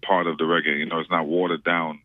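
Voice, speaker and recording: A man from Trinidad with a very deep voice talks quickly and easily, looping back on his words with lots of fillers. He comes through a dry, tinny phone line. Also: little pitch movement, no room sound. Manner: laid-back, repeats words, many "you know" fillers. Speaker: reggae musician guest. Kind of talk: casual radio interview.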